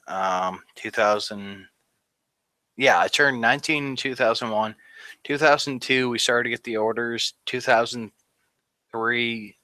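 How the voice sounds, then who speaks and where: A veteran in his thirties, appearing as a guest in a casual interview, rambles through his war story with plenty of "like" fillers and laughs at the grim parts. His voice is mid-range with a sharp tone. There is no room sound.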